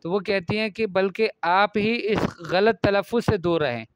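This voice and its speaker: A man's voice: sits high, clear, resonant tone, no room sound. A man teaching a lesson, reading Arabic phrases aloud and explaining each one. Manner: reads Arabic phrases then explains them. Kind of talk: classroom lesson explaining Arabic pronunciation in Urdu.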